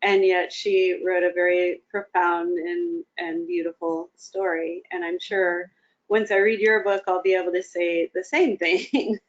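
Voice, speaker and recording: A woman joins an interview remotely by video call, and the audio is dull and lo-fi. She reflects casually on personal topics with an encouraging manner, her fairly low voice expressive and unhurried.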